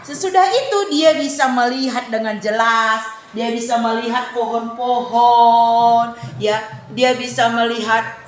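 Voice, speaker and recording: A woman with a high voice leads a children's Bible lesson, unhurried and animated, quizzing the class as she goes. The sound is roomy, with the echo of a classroom and faint noise behind her. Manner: animated storytelling with questions to the class. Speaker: Sunday school teacher.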